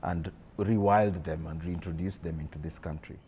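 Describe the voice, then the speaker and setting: A man giving a measured, halting expert explanation in an unscripted interview. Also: deep voice, fairly even intonation, mellow, breathy edge. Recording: noticeable ambient background noise.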